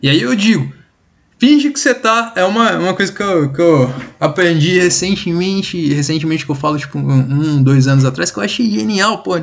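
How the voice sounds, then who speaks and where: A man's voice: high voice, expressive, normal speed, gravelly. A man with a Brazilian accent teaching a literature class in a casual, slangy way, constantly checking in with his students. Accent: Brazilian Portuguese.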